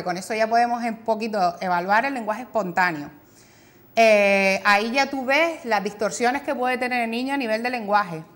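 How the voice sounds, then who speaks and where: Speaking with a Canary Islands Spanish accent, a woman in the role of a speech therapist explains things methodically and with patience on a talk show. Her tone is fairly bright and her pitch mid-range, and now and then she copies the way children mispronounce words.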